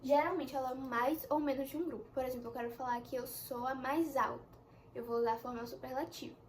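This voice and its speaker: A young woman teaching an English lesson in a chatty way, explaining slowly with examples. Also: high-pitched, steady tone, slight background noise. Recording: echoey room with faint ambience.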